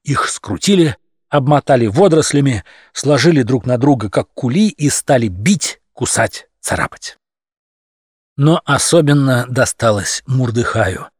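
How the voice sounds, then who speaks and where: A man narrating a humorous audiobook story in a lively, expressive way. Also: medium pitch, unhurried, breathy edge, no room sound, studio quality.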